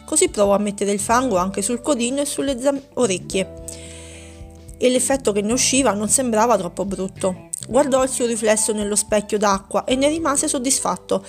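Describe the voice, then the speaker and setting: A woman narrating a children's story in a steady, gentle storytelling manner. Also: medium pitch, normal speed, faint music behind.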